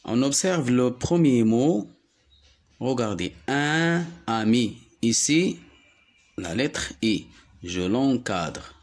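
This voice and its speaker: Moroccan man, primary teacher, very slow and deliberate, mid-pitched, sounds out words syllable by syllable. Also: expressive, a little mellow. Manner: repeats each word slowly and clearly, syllable by syllable. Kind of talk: slow, deliberate reading lesson for young children.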